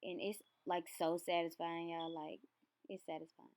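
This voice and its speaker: A woman's voice: on the low side, flat delivery, normal speed, heavy background noise. A young woman hair vlogger giving a casual how-to walkthrough, rambling in a chatty, loose way. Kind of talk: casual how-to vlog narration.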